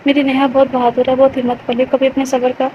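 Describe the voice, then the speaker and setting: A woman voicing a young husband with a soft, coaxing, affectionate manner, in a dull lo-fi recording. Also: high voice, monotone, a little hiss or hum, natural voice. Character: young man, gently teasing loving husband.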